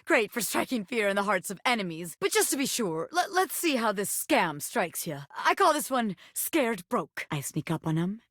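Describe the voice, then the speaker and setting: A woman playing a cocky, excitable bobby pin gangster in a video game, talking in swaggering wiseguy slang. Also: medium pitch, normal speed, few pauses, dry recording, clean studio sound. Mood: scheming, uneasy. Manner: brash wiseguy slang, swaggering, calls people baby. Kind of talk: video game character acting.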